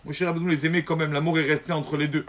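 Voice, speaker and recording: A man giving a sermon as a rabbi, mixing in Hebrew terms and repeating phrases for emphasis, moving between loud stresses and soft asides. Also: fairly high pitch, flat delivery, fast. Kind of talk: sermon told as a story.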